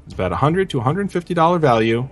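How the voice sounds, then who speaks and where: A man's voice: on the high side, animated, very fast, soft background music. A man co-hosting a podcast in a casual, conversational style. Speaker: podcast co-host.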